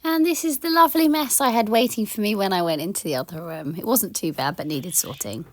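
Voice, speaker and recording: A woman in her thirties narrates a home tidying vlog in a relaxed, rambling, casual voice-over packed with ums and yeahs. Her mid-range voice runs a little fast and is slightly croaky from a sore throat, recorded dry and close with no room sound.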